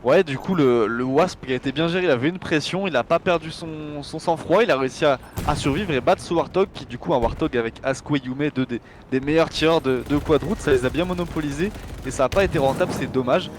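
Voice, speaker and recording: A man with a slightly high voice talks fast while giving live esports commentary on a match. He keeps it informal and conversational, frequently repeating phrases, as faint gunfire and game noise sound behind him.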